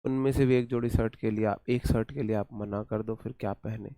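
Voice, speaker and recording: A man's voice: lowish voice, steady tone, a little fast, warm tone, dry recording, studio quality. A man with an Indian accent teaching an exam-prep English grammar lesson, repeating key points and quizzing his students.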